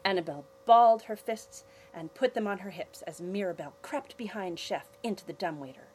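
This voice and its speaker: A woman hosting a family podcast, narrating a children's adventure story with expressive storytelling. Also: mid-range voice, a little fast, a little hiss or hum, low-quality recording.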